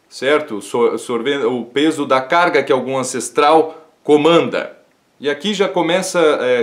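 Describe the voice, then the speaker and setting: A man teaching classical literature in a livestream lecture, talking in an unhurried way with frequent fillers and "isn't it?" tags. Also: on the high side.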